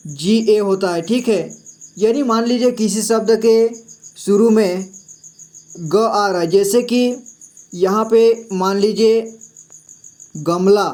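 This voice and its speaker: A man's voice: sits high, a little mellow. A man teaching Hindi syllables in a patient classroom style. He repeats each sound and checks in often. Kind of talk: slow classroom-style explanation.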